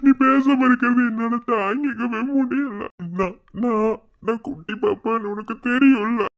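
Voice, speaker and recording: A woman's voice: fairly high pitch, steady tone, a little slow. A woman voicing a young cartoon husband who pleads with tearful apologies, on a dull lo-fi recording. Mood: remorseful. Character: young husband, remorseful after drinking. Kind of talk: cartoon voice acting.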